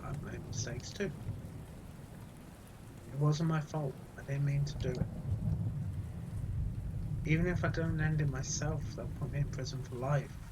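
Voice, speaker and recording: A young man reading the lines of a guilt-ridden sixteen-year-old boy in a quiet, halting, despairing way, with game music behind. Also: fairly high pitch, heavy background noise, lightly acted. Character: troubled teenage boy full of guilt.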